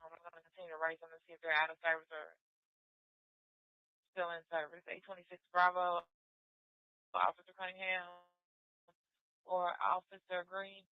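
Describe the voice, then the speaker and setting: A man's voice: sits high, moderate pace, long pauses, no room sound. A male police dispatcher reading out calls over police radio in a clipped, routine manner. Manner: clipped, routine call-out delivery. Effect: police radio transmission. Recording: tinny narrow-band radio audio.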